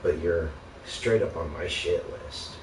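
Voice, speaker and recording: A man's voice: deep voice, takes it slowly. A man on a casual, sweary gaming rant, complaining in an exasperated, sarcastic way. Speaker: video game ranter. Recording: roomy, noisy, distant microphone.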